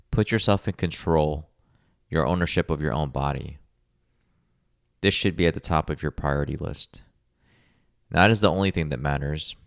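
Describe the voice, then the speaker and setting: A man hosting a rehab podcast, speaking in a calm, measured coaching tone in a scripted monologue. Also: a bass voice, no room sound, studio quality. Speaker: podcast host, rehab clinician.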